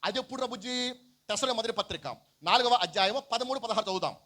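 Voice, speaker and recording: A man with a high-pitched voice preaches a sermon as a pastor. He keeps asking his listeners questions and calls them by fond terms. He slips into the voices of the people in the stories he retells. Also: fast, pushed and bright. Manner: acts out quoted people mid-story.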